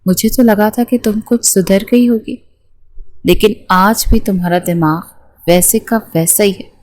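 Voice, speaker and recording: Bossy young groom, taunting, quick to scold, read by a woman narrator, romance audiobook. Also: medium pitch, steady tone, darkish tone, natural voice. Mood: angry. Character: bossy young groom, mocking and hot-tempered.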